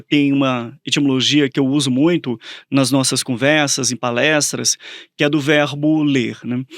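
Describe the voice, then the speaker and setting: A man with a high, bright speaking voice explains literature to a co-host in casual podcast talk. He tells classroom stories animatedly and slips into little acted-out voices for his students. The sound is close and dry. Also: no echo. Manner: animated storytelling, acting out students and characters in quotes. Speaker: Portuguese teacher and podcast co-host. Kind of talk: casual educational podcast chat.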